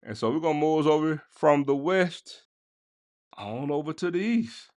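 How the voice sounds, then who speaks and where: A man hosting a casual sports podcast, talking straight to his listeners in slangy, animated bursts. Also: a little high, normal speed, no room sound, studio quality. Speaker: podcast host.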